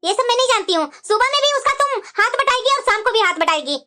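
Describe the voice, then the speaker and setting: A woman's voice: very high-pitched, lively intonation, quick pace, pushed and bright, soft background music, heavily acted. A woman voicing a stern, bossy middle-aged mother-in-law in a cartoon, lecturing and scolding her daughters-in-law. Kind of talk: cartoon voice acting.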